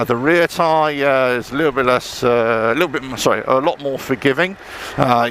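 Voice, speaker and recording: A man's voice: mid-range voice, a bit bright. A man giving casual, rambling commentary while riding a motorbike outdoors, speaking from inside a helmet. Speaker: motorbike vlogger. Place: outdoors on a motorbike on a country trail. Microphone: helmet-mounted mic. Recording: engine and wind noise outdoors.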